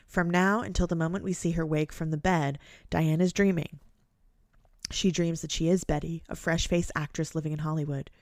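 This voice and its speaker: Woman podcast co-host, very low voice, dry close recording, reads notes then chats loosely. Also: dry recording. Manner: reads passages aloud then chats loosely with fillers and swearing. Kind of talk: casual podcast chat and reading notes.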